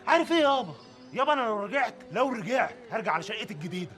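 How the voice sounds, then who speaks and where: A man's voice: high voice, very animated, racing, fairly bright tone, soft background music. A man acting a grown Egyptian son arguing with his father in a TV drama, agitated and pleading. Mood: protesting.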